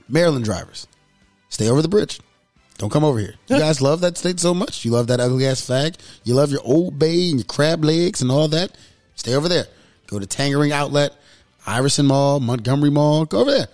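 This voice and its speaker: A young man, co-hosting a podcast, talking sports in casual chat with swearing and acted-out quotes. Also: medium pitch. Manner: animated, profane, acts out quotes in raised voice. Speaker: podcast co-host.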